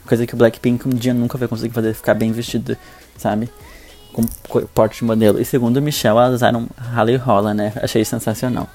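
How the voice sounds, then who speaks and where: A man's voice: mid-range voice, level tone, fast, darkish tone, soft background music. A man with a Brazilian Portuguese accent co-hosting a podcast, chatting in a gossipy, blunt and campy way. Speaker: podcast co-host. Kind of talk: casual podcast chat.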